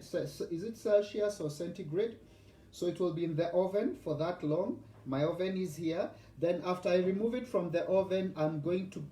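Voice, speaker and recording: A man's voice: high-pitched, dark tone, echoey room. Boastful Kenyan man in his forties. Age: 40s. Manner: boastful, chatty, addresses viewers by name. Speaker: host. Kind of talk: casual live cooking vlog.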